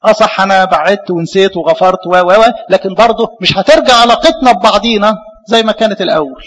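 A man with an Egyptian Arabic accent preaching a sermon as a priest, lively, with many rhetorical questions. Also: high voice, quick pace, big-room sound, low-quality recording.

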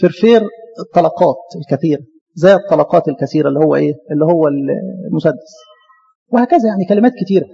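A man with an Egyptian Arabic accent giving a lively church lecture, talking to his listeners as his beloved. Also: on the high side, very fast, creaky, breathy edge, long reverb tail, muffled recording, soft background music. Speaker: Coptic church speaker.

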